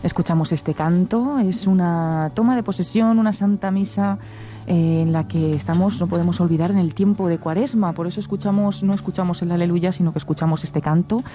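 A woman giving live liturgical commentary as a broadcast commentator, explaining each step in a measured, reverent way. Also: on the low side, mellow. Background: music.

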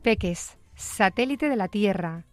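Woman radio host, patient and teacherly, mid-pitched, faint music underneath. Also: expressive. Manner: patient, teacherly, reads clues slowly and clearly. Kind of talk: hosting a word quiz with children.

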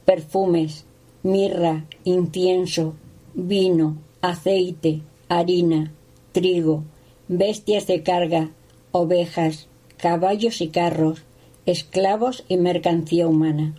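A woman reading a Bible passage aloud at a steady pace, sometimes stumbling on a word. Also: fairly low pitch, takes it slowly, husky, rough recording. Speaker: scripture reader.

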